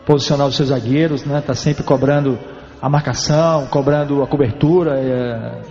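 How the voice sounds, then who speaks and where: Man, Alagoas accent, goalkeeping coach, calm, measured, mellow voice, dull sound, soft music. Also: medium pitch, in a large hall. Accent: Alagoas Brazilian. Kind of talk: interview answers.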